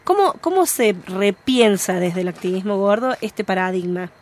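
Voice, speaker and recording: A woman co-hosting an interview, asking questions in a thoughtful, measured way. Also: medium pitch, animated. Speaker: co-host.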